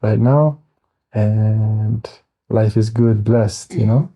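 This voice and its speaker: A man in his forties from Wisconsin, in the United States, chats casually as an interview guest. His voice sits on the low side and sounds mellow, and his easygoing, meandering talk often stops partway through a thought.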